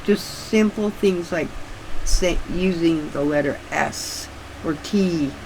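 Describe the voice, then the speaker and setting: Older woman, slow halting casual chat, tight sore-jaw articulation, very gravelly creaky voice, humming room noise. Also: lowish voice. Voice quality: slightly stiff, restricted articulation from not opening the mouth wide, like a sore jaw. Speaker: craft vlogger.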